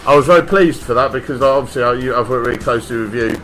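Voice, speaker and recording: A man's voice: medium pitch, racing, fairly bright tone. A man hosting a podcast, talking in a rambling, sweary way and laughing often. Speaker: podcast host. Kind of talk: casual banter.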